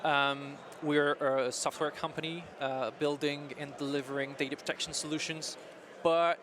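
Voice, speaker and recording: A man's voice: a little high, level tone, normal speed, noisy background. A man from France with a French accent, answering as an interview guest in a conversational way. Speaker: interview guest, technical marketing manager. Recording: busy crowd chatter behind.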